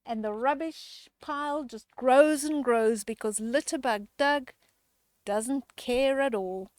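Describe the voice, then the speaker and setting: A female storyteller with a high voice reads a children's picture book aloud, stretching words out for expressive emphasis and tossing chatty questions to her young listeners. The recording is dry.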